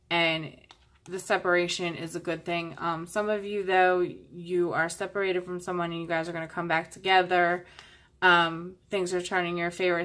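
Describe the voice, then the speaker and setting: A woman's voice: lowish voice, sharp tone. A young woman reading tarot cards to camera in a casual, chatty way, with lots of fillers and rambling asides. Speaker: tarot reader.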